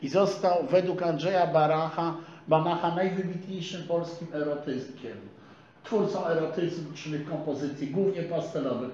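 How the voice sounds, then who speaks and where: A man in his sixties giving a measured, scholarly lecture in a small room, caught by a distant camera. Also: a little high, darkish tone. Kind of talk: academic lecture. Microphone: far camera. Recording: echoey room, dull sound, faint hiss.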